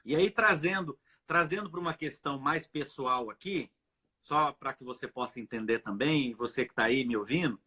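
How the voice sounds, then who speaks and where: A man from Brazil, a pastor, speaks earnestly in a live video chat with a high, bright voice that has a husky edge. He repeats his words and keeps checking in with "né?". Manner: earnest, repetitive, asks "né?" often.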